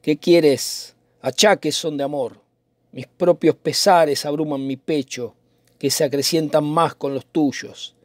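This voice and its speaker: A man's voice: on the high side, steady tone, takes it slowly, dry recording, studio quality. A man reading as Romeo, lovesick young nobleman. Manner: theatrical, declaiming. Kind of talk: dramatic reading of a play.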